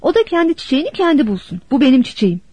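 A woman's voice: high-pitched, very animated, very fast, mellow, no echo. Woman doing a spiteful, snappish little girl. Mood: defiant. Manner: possessive, snappish. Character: spiteful selfish young girl. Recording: dull dry lo-fi recording.

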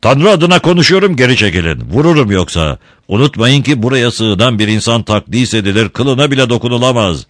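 A man's voice: fairly low pitch, animated, brisk, a bit bright, no echo, studio quality, pitched above the performer's own voice. A man playing a blustering fiery village priest. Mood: thundering. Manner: blustering, commanding, indignant. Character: fiery hot-tempered village priest, middle-aged man.

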